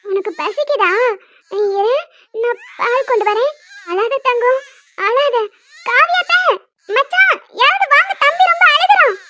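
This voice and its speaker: A woman voicing a young woman in a cartoon who cares for her baby nephew, cooing softly and growing tearful. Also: extremely high pitch, takes it slowly, long pauses, a little hiss or hum. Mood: panicked tearful. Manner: tender cooing, turns to tearful panic. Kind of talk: cartoon voice acting.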